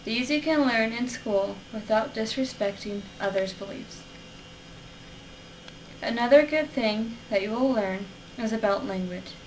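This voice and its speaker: A woman's voice: a little high, unhurried. A young adult woman student giving an earnest, structured persuasive speech for a class. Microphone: camera at a distance. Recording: distant camera with faint hiss.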